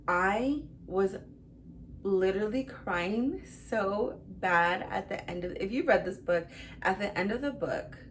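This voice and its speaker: A woman's voice: mid-range voice, takes it slowly, slight background noise. Chatty young woman gushing about books. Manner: chatty and rambling, full of "like" and "um". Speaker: book reviewer. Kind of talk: casual book review vlog.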